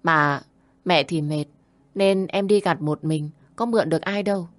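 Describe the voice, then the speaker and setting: A woman's voice: fairly low pitch, moderate pace, natural voice. Woman doing a two-faced daughter-in-law. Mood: sugary. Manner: honeyed on the phone, hissing through her teeth when angry. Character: scheming young daughter-in-law, sweet-talking yet spiteful.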